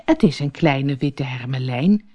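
A woman's voice: a bass voice, expressive, measured pace, a little mellow, husky, full character voice. A woman voicing a kindly wild pony who explains things patiently in a storybook. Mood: friendly.

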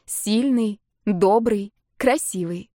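A woman voicing gentle, hesitant young woman. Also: mid-range voice, slow pace, dry recording, studio quality, natural voice. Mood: wistful. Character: soft-spoken young woman in love.

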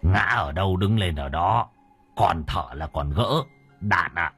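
A gruff old sorcerer teases his friend in a low, husky voice that swings lively up and down. A man acts him out in an audio storybook. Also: slow, soft background music, full character voice. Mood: teasing. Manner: teasing, rough-spoken.

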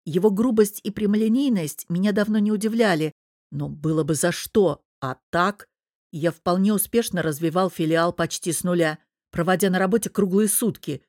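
A woman narrating an audiobook in first person, in a steady, even reading manner. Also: on the low side, normal speed, no echo, studio quality.

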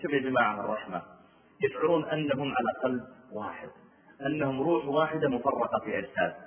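Fast-talking preacher. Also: male voice, mid-range voice, echoey room, distant mic, crowd noise. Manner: animated, acts out the quoted voices, breaks into explanation. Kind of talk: sermon storytelling. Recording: tinny phone-like line.

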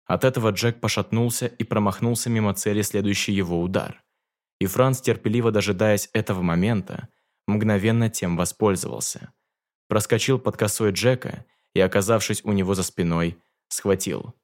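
A man narrating a fantasy audiobook in a measured, dramatic reading. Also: fairly low pitch, a little mellow.

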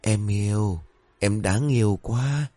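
A man voicing a demon possessing a young man, with a slow, lecherous drawl. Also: lowish voice, mellow, dry recording. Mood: leering.

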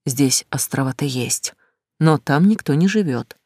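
A narrator voicing an old village watchman who talks slowly in a folksy, unhurried way. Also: medium pitch, expressive, darkish tone, breathy edge, no room sound, clean studio sound. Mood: calm. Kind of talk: audiobook character reading.

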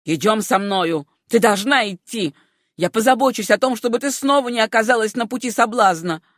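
Brief: woman reading a harsh, bullying uncle, loud and contemptuous, dry close audiobook sound. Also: fairly high pitch, lively intonation, normal speed, no echo. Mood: angry scolding. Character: stern angry middle-aged uncle, scornful and bullying.

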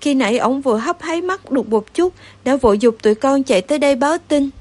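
A woman's voice: high-pitched, quick pace, darkish tone, lightly acted. Woman doing a frantic stammering boy mouse. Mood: insistent. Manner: stammering, breathless.

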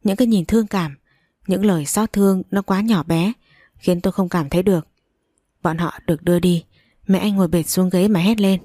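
A woman reading a first-person love story aloud in a slow, measured way. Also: fairly low pitch, steady tone, warm tone, no echo, clean studio sound. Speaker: narrator.

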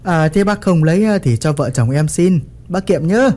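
A man's voice: a little high, expressive, a little mellow, close to an everyday voice. A man doing a pushy, wheedling village wife. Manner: wheedling, quick to butt in. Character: eager, pushy village wife, middle-aged woman.

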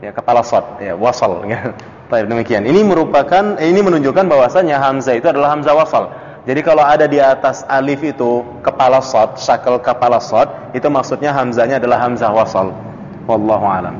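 A man's voice: a little fast, slight background noise. A man teaching a classical Arabic text to a study circle, quizzing students by name and chuckling between points. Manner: questions students by name, chuckles, animated pitch jumps. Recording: dull lo-fi audio in a reverberant room.

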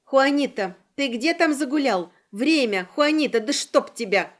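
A woman's voice: sits high, lively intonation, a little slow. A woman voicing a brash, irritated young female dispatcher calling over a magic signal circle, bossy and snappy. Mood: bossy, annoyed. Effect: voice through a magic signal circle.

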